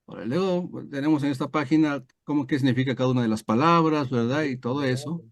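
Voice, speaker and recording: A pastor teaching a Bible study over a video call, explaining step by step with many fillers and tag questions. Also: male voice, mid-range voice, fast talker, no room sound. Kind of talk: online screen-share Bible lesson.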